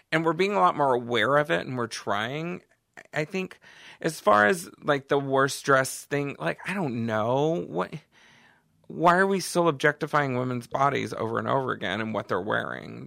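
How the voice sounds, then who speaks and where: A man's voice: medium pitch, vocal fry, no room sound, studio quality. A man co-hosting a podcast in casual chat, talking expressively and laughing often. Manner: chatty, expressive, quick laughs. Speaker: podcast co-host.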